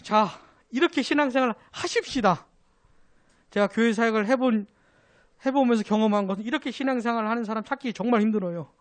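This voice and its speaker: A man's voice: very high-pitched, fast talker. A man, a pastor teaching a Sunday doctrine class, who keeps asking his listeners questions and then answers them himself.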